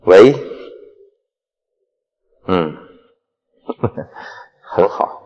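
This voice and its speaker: A smug corporate villain in a short drama. His low voice swings widely as he gloats with mocking movie-villain menace. It rings in a long hall-like reverb. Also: expressive, very slow, dull audio, full character voice. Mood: gloating menace. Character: smug scheming male corporate villain plotting a takeover. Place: large indoor concrete space, garage-like.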